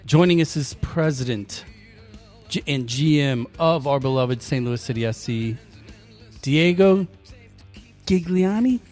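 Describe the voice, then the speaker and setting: A man hosting a podcast in casual chat, joking and halting with fillers and restarts. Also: a little high, lively intonation, a little mellow, soft background music. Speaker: podcast host.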